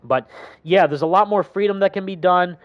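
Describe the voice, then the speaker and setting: A man's voice: high-pitched, moderate pace, no room sound, dull audio. A young man hosting a gaming livestream, chatting casually and reading viewer comments in an enthusiastic, rambling way full of fillers. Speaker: livestream host.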